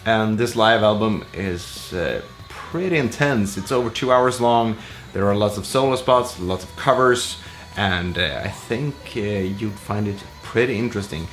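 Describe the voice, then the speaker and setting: Guy musician chatting thru a q&a, loose and rambly, lower voice. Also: a little slow, soft background music. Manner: relaxed, rambling with many fillers. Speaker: musician answering viewer questions. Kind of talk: casual Q&A vlog.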